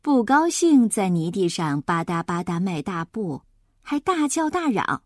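A woman reading a children's story aloud with an expressive, animated delivery. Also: medium pitch, measured pace, no echo, studio quality.

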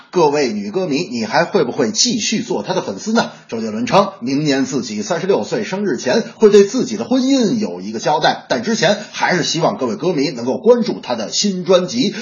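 A joking male host tells comic stories with a crosstalk comedian's timing. His voice is fairly high and swoops lively up and down. The sound is slightly dull and radio-like, with faint music behind him. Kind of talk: comic commentary show.

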